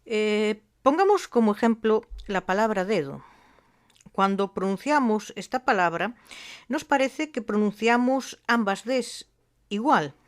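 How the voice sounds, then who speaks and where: A woman gives a phonetics lesson. She speaks very slowly and deliberately, pausing between each term as she breaks sounds down. Her voice sits at a middle pitch. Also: lively intonation. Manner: slow and deliberate, spelling out sounds with pauses. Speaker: language teacher.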